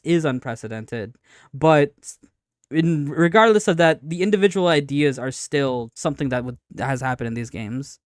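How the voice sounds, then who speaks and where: Clear-voiced man, halting casual streamer debate. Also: fairly high pitch, no echo, clean studio sound. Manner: halting, repetitive, argumentative insistence. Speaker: streamer reacting to a video and answering chat. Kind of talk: casual live commentary, debating game updates.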